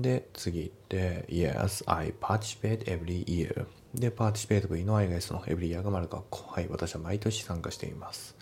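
A man teaching an English test lesson in Japanese, taking sentences apart step by step and slowly modelling English lines. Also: low-pitched, vocal fry, a little mellow, slight background noise. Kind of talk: TOEIC lesson walkthrough.

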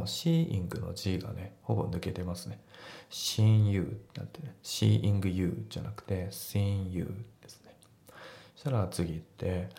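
A man's voice: deep voice, vocal fry, reverberant. A man walking through English test questions in a casual teaching style, explaining each sentence piece by piece. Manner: relaxed explanatory, breaks sentences into grammar parts. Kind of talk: casual exam walkthrough lesson.

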